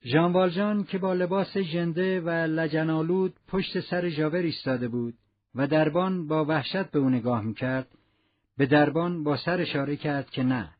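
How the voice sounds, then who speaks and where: A man reading a novel aloud as narrator, in a measured storytelling manner. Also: fairly high pitch. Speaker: audiobook narrator. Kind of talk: scripted narration. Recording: muffled lo-fi recording.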